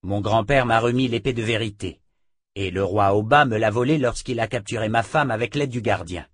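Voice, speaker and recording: A man voicing a resolute young swordsman who explains calmly. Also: fairly low pitch, fairly quick, no echo, clean studio sound, close to an everyday voice.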